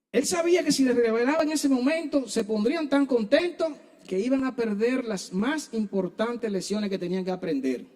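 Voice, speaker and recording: A man's voice: high voice, mellow. A man preaching a sermon in church, earnestly addressing his listeners as brothers.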